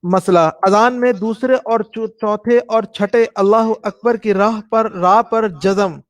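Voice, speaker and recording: A man's voice: high-pitched, fairly even intonation, no echo. A man teaching a classroom lesson on prayer rules, explaining step by step and demonstrating recitation, with a Pakistani Urdu accent. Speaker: religious teacher.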